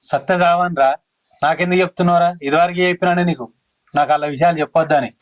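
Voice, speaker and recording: An actor playing a bitter elder brother who harshly refuses to help, in a Telangana Telugu accent. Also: male voice, fairly high pitch, fairly even intonation, quick pace, natural voice, low-quality recording. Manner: harsh, dismissive.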